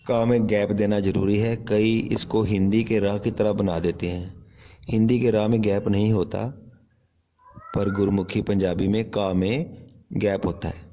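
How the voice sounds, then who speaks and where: A man teaching handwriting with slow, deliberate explanations. His voice sits low and dark. The recording is dull and lo-fi, and he calmly repeats each correction. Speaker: Punjabi writing teacher. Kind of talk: step-by-step handwriting lesson.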